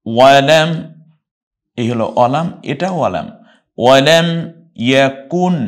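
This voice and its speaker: A man teaching Quran recitation. He explains step by step in a plain speaking voice and chants each word slow, high and loud as a model. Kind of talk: spoken tajweed lesson.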